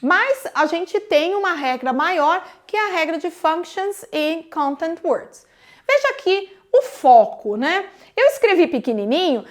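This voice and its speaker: A woman with a Brazilian Portuguese accent teaching English in a live online lesson, explaining step by step and often adding "né?". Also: high-pitched. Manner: explains step by step, tags sentences with "né?".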